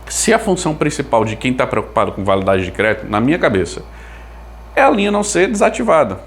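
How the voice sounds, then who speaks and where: Fast and very animated, a Brazilian man with a gravelly, medium-pitched voice explains consumer telecom matters to his viewers. His delivery is conversational, thinking out loud and tossing in rhetorical questions.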